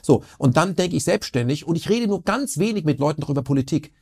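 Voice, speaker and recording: Casting: man, rapid, husky and gravelly, animated rambling talker. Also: a little high. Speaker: interview guest. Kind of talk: casual conversation.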